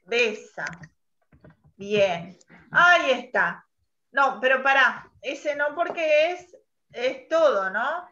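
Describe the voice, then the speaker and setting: A woman teacher leading an online class, patiently quizzing students and spelling out sounds slowly. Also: high voice, expressive, sharp tone. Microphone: video call. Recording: muffled online call audio.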